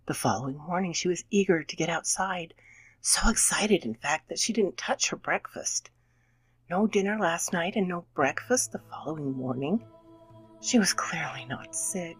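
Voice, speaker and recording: Playing a guilt-ridden, anxious mother, a woman narrates a scripted horror piece with theatrical drama, occasionally dropping to breathy near-whispers. Her voice sits lowish, and the recording carries no echo.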